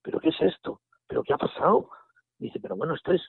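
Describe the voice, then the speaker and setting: Gravelly man from on a phone line. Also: fairly high pitch, fast talker, dry recording. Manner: animated retelling with quoted dialogue and restarts. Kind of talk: casual storytelling.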